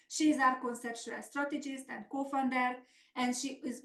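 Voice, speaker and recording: A middle-aged Hungarian woman with a Hungarian accent hosts a business coaching webinar, her somewhat high voice sounding earnest and upbeat in a semi-scripted style. The room is echoey.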